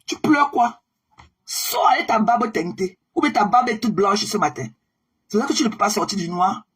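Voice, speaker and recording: A woman rants on her live stream, mocking someone and repeating herself as she presses each point. Her voice has a husky, breathy edge at a middling pitch. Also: expressive, moderate pace. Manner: confrontational, mocking, repetitive. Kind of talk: live-stream rant addressing a rival.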